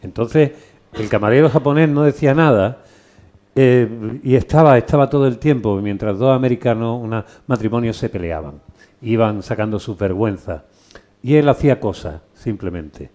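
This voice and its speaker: A middle-aged or older man with an accent from Spain hosts a live talk. His voice is dark and relaxed at an average pitch. He speaks informally, wandering through anecdotes and repeating phrases. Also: normal speed. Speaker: book presentation host. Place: live book presentation with microphone.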